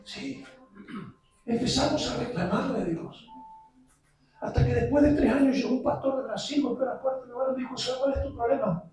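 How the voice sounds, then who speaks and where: A visiting preacher, a man, giving an impassioned sermon that builds to shouts. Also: very high voice, normal speed, pauses often, recorded from a distance, faint music behind. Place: church sanctuary. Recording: very echoey church, heard from afar.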